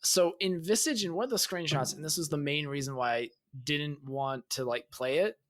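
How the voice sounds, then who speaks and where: A man's voice: on the high side, normal speed, a bit bright. A man co-hosting a gaming podcast, explaining game mechanics analytically in casual chat. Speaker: podcast co-host.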